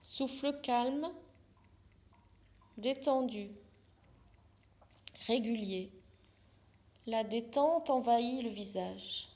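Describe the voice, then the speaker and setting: This is a guided yoga nidra meditation led by a female yoga therapist whose pitch is fairly high. She keeps an unhurried, very calm pace, leaving pauses between her brief, gentle instructions.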